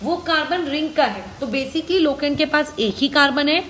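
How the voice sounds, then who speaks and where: High-voiced Indian woman teaching chemistry. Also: expressive, normal speed, a bit bright, a little hiss or hum. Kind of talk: online lesson, working problems aloud.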